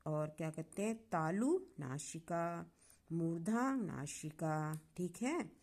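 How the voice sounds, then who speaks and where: Low gravelly woman teaching grammar, slow and patient, voice goes up and down a lot. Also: a little mellow. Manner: explains patiently, repeats sounds slowly, asks rhetorical questions. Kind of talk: online grammar lesson.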